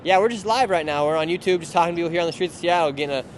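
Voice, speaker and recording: A man interviews strangers live on a city street. He fires off quick, eager questions in a slightly high voice. Loud traffic and street noise surround him.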